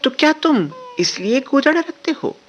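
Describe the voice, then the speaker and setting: A woman's voice: high voice, sing-song, unhurried, faint music behind, pitched above the performer's own voice. A woman doing a stern religious father. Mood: questioning. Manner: sharp questioning, then amazed. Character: strict religious father, middle-aged man.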